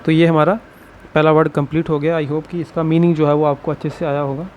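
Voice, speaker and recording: A male shorthand teacher explains a lesson, tagging almost every phrase with "ठीक है" and repeating words slowly. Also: a little high, little pitch movement, highs cut off, slight background noise.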